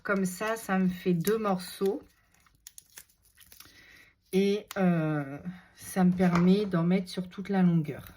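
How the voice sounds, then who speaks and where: A woman with a runny nose chatting casually while she shows a craft project, relaxed and talkative as she works. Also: lowish voice, slight background noise. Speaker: craft video host. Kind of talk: casual craft tutorial chat.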